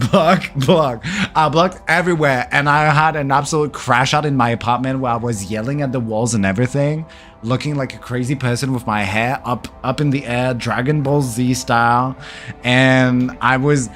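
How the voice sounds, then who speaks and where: An animated man chatting casually on a game stream, telling his story in an exasperated, venting way with the odd curse. His voice sits at an average pitch, and soft game music runs behind him. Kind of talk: casual chat while gaming.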